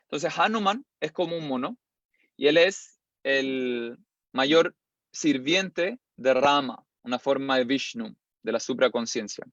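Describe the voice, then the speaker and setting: A man teaching a class, an animated storyteller who acts out scenes as he goes. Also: mid-range voice, measured pace, no room sound. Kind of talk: lively storytelling lesson. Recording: slightly dull lo-fi sound.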